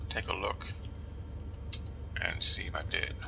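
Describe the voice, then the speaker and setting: With a deep, gravelly voice that's bright and forceful, a New Jersey-accented man talks casually through a flight sim session. He muses aloud, reads instructions slowly, and often lowers his voice to a whisper. The recording's highs are cut off.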